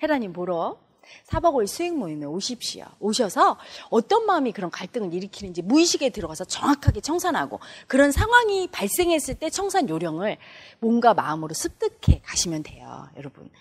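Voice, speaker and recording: A woman's voice: a little high, huge pitch swings, a little fast, breathy edge. A woman meditation teacher giving a spoken lecture, acting out quoted family dialogue as she explains.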